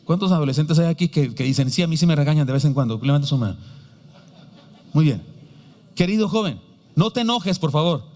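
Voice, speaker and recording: A man's voice: fairly high pitch, expressive, a little fast, long pauses, darkish tone, in a large hall. A male pastor with a Mexican Spanish accent, preaching a sermon, telling stories and asking the congregation questions. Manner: storytelling, asks the congregation questions. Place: church sanctuary.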